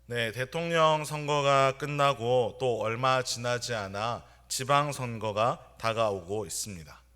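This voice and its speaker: A young man preaches a sermon in a church, his voice bright and forward. He speaks earnestly and in a measured way, weaving in everyday stories. His pitch sits in an ordinary middle range. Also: clean tone. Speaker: pastor. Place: church sanctuary.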